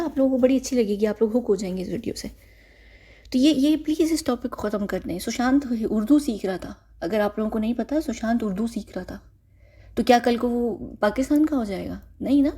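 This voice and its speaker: A woman speaking to her viewers in a casual vlog monologue. Her voice sits a little high but has a mellow, warm tone. She argues her points insistently and keeps firing rhetorical questions. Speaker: vlogger.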